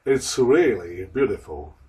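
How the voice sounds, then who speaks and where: A man slowly and carefully repeating lines for a language lesson. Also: on the low side, sing-song, far from the mic, a crowd in the background, low-quality recording. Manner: slow, careful, repetitive. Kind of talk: slow repeat-after-me drills.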